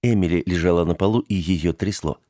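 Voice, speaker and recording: A man narrating an audiobook in a steady, measured way. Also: deep voice, dry recording, clean studio sound. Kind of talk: audiobook reading.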